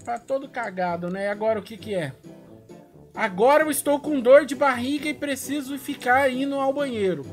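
A middle-aged Brazilian man giving casual, excitable gameplay commentary full of slang and exclamations, recorded in a room at home. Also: very high voice, moderate pace. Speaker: gaming video host. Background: music.

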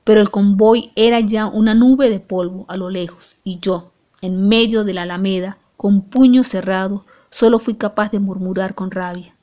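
A woman with a Latin American Spanish accent narrating an audiobook in a measured, grave tone. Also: mid-range voice, fairly even intonation, dull audio. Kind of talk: audiobook reading.

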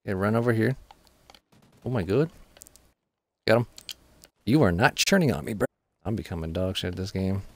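A man with a low, gravelly voice runs a steady stream of frustrated, profane gameplay commentary. His talk is casual and close to the mic. The sound is dry, with no room echo. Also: normal speed, pauses often. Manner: frustrated, profane running complaints.

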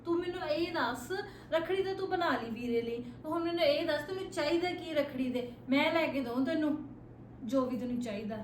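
High-voiced coaxing woman, echoey room. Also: fairly quick, slight background noise. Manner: coaxing, affectionate, teasing. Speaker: sister-in-law in a short film. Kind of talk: amateur short-film acting.

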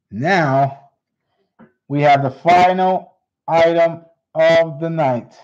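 A man runs a live coin auction, calling and repeating each bid in steady patter. His voice sounds mellow and unhurried. The stream audio is dull and lo-fi. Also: a little high. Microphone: unseen, hands on camera.

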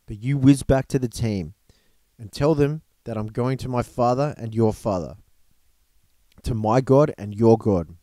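A calm risen teacher speaks gently and plainly, with quiet authority, as a man reading the story voices him. The voice is mellow and warm. It sounds close and dry. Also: mid-range voice, unhurried, no echo, close to an everyday voice. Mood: reassuring. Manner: gentle, reassuring, plain-spoken.

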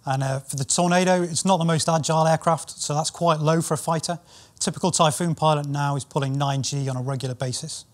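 A British man in his thirties with a slightly higher-pitched voice presents to camera. He explains technical matters in a measured way, as a company training specialist would. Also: steady tone. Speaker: company training specialist and former military pilot.

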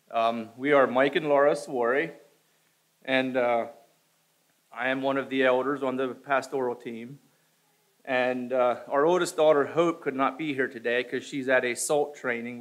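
A man's voice: mid-range voice, low-quality recording. A man in his forties, a church elder, talking informally at a church podium with frequent restarts. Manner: halting, informal, many restarts. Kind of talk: church announcements and scripture reading. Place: church sanctuary stage. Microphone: podium microphone.

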